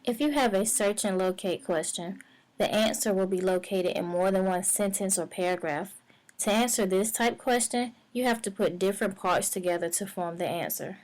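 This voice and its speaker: A woman teacher narrates a reading lesson, explaining each step clearly and at a measured pace. Her voice sits at a medium pitch. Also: darkish tone, poor audio. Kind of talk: instructional narration.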